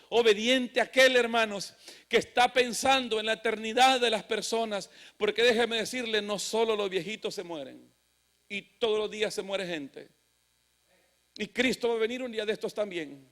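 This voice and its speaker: High-voiced fervent preacher man. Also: a bit bright. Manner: fervent, rising to emphatic declarations. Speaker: pastor. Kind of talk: sermon. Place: church sanctuary.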